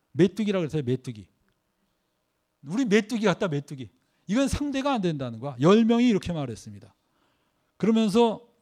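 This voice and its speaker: A man preaching a sermon, quizzing his congregation with rhetorical questions and leading them through scripture readings, swinging between loud emphasis and quiet asides. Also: sits high. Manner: leads group scripture reading. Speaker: pastor.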